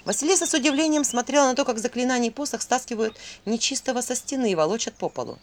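A woman narrating a spoken folk tale with an expressive, vivid storyteller manner. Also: a little high, quick pace. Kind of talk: dramatic story reading.

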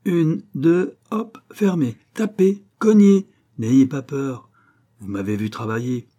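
A man voicing a boastful, gleeful old locksmith who teases and shows off his work in a high, loud, excited voice. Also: moderate pace, vocal fry.

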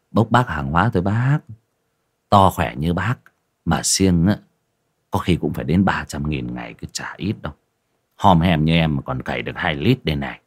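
A man's voice: extremely low pitch, breathy edge, dry recording, studio quality, pitched below the performer's own voice, exaggerated voice. A man voicing a jovial hard-drinking male village laborer, talking in a coaxing, jovial way.

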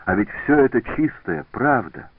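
A man's voice: mid-range voice, animated, measured pace, gravelly, slightly rough, dry recording, voice pushed up, full character voice. A man voicing a jealous, tearful young woman in an audiobook reading, pleading and boasting by turns. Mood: coaxing. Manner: pleading, then teasing and indignant. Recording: tinny phone-like dry recording.

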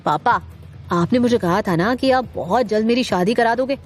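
A woman voicing a mischievous young man who talks in a bright, playful, teasing way. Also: on the high side, moderate pace, lightly acted.

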